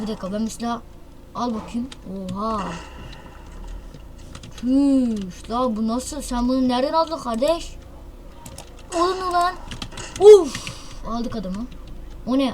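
Excitable woman gamer, high voice. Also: slight background noise. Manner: excitable, loud outbursts and quick exclamations; slangy, self-mocking banter with viewers. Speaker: gaming channel host. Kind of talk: live mobile shooter gameplay commentary.

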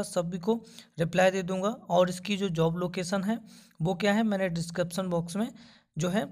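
A man's voice: high voice, a little mellow. A man hosting a job-vacancy channel, giving a voice-over announcement and repeating instructions step by step. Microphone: voice-over over screen notes.

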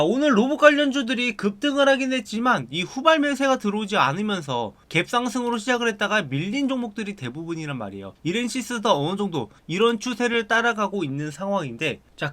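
A man hosts a stock channel and talks his viewers through the market in a persuasive, salesy way. His voice sits a little high, and he keeps addressing the audience directly. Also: fairly bright tone.

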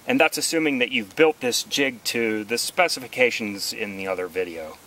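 A man's voice: medium pitch, normal speed, noisy background. A man hosting a hands-on woodworking demonstration, explaining his technique in a practical, thinking-aloud way with small restarts, recorded on the camera mic outdoors and then in a garage. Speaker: woodworking channel host.

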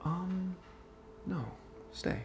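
A man's voice: sits high, steady tone, very slow. An actor playing a young father with a casual, informal way of talking in a naturalistic drama. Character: casual father introducing his new girlfriend to daughter. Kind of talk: naturalistic scripted drama acting. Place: indoors in an apartment. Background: background music.

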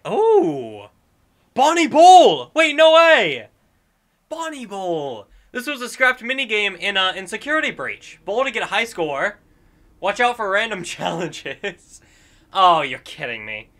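Animated young man with a bright, forceful voice. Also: high voice, normal speed. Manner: animated, exclamatory, jokey casual slang. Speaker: video game streamer. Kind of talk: excited gameplay commentary.

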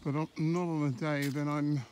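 With a fairly high, slightly mellow voice and little pitch movement, a middle-aged man from England chats while filming a country walk on his handheld phone. He pauses mid-sentence as he goes, with faint outdoor noise around the lanes and fields.

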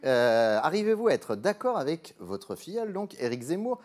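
A man's voice: on the high side, sing-song, moderate pace, darkish tone. A man hosting a TV show, putting questions to a comic guest as the straight man in a sketch. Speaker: TV host. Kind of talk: mock interview in a comedy sketch. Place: TV studio.

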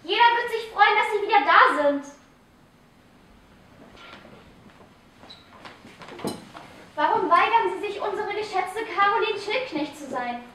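A woman's voice: very high voice, animated, normal speed, pushed and bright, slight background noise, exaggerated voice. A young woman acting on stage as an earnest advocate pressing a stubborn woman for answers. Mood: persuading. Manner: insistent, urging questions. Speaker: stage actor in a school theatre group. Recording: echoey hall from far off.

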